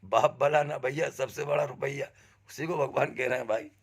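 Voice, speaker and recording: A man giving an impassioned, preachy monologue, urging listeners to speak up and rising in pitch as he presses them. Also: fairly even intonation, normal speed, vocal fry, slightly rough. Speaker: social media speaker.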